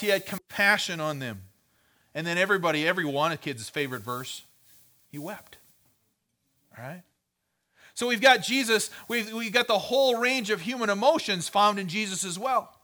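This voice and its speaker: A man's voice: high-pitched, bright, forceful tone. A man teaching a sermon in a conversational way, often checking in with his listeners and repeating words as he thinks aloud. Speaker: pastor.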